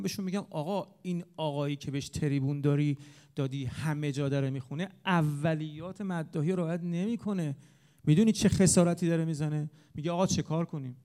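Animated man lecturing with a mellow voice. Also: a little high, clear, resonant tone. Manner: animated, with sharp rises and drops in loudness. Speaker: speaker on religious eulogy singing. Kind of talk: impassioned lecture to an audience.

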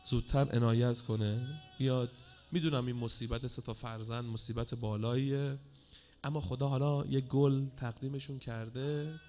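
Exhorting male ceremony host, muffled. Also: medium pitch. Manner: emotive, exhorting, calls for chants. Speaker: event host. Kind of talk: ceremony hosting speech to a crowd.

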